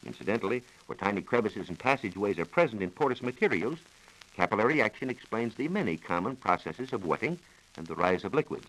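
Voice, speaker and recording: An American reporter on a 1940s radio programme gives a formal, precise science explanation from a script. His voice is lowish with a fairly bright tone, very animated and fast, captured in a low-quality vintage broadcast recording.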